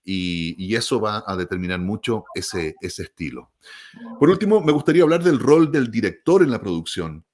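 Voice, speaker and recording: A man who produces audiobooks, explaining the craft in a measured way and often checking in with the listener. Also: fairly low pitch, lively intonation, darkish tone. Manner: measured, explanatory, frequent tag questions. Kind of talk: explanatory talk.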